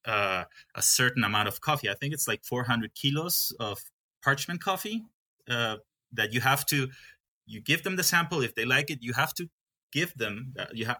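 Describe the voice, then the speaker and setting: A young Peruvian man who runs a coffee farm speaks in a casual interview with a medium-pitched, sharp-toned voice. He sounds hesitant, frequently breaking off and restarting his sentences.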